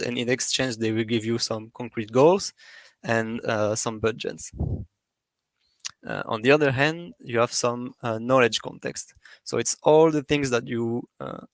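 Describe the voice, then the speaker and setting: Halting man giving a talk, dry sound. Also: mid-range voice, dry recording. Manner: halting, with many fillers and restarts. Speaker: presenter. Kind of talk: academic presentation.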